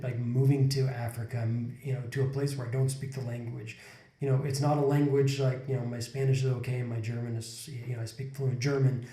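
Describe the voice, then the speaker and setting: A man in his forties co-hosts a podcast, sitting on a couch in an indoor room and talking casually in a reflective, rambling way while often restarting his sentences. His voice is mid-range and mellow. A desk condenser mic sits in front of the couple, and the sound is roomy.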